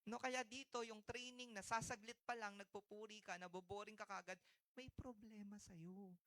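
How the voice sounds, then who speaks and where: A man's voice: sits high, flat delivery, fairly quick, sharp tone. A man in his thirties with a Filipino accent, preaching a sermon to a church congregation. He mixes Tagalog with English and keeps calling on the congregation to answer back. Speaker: pastor. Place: church sanctuary.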